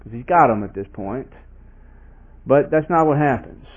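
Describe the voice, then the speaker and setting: A man's voice: medium pitch, expressive, moderate pace. A man preaching an expository sermon in a conversational way, asking his listeners questions and reading scripture aloud with emphasis. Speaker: pastor. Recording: tinny phone-like sound.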